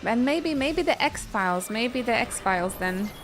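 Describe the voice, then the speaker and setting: A woman live-streams a video game, chatting casually and reacting with playful exclamations as she plays. Her voice is a little high, animated, and a little slow, with game music behind her.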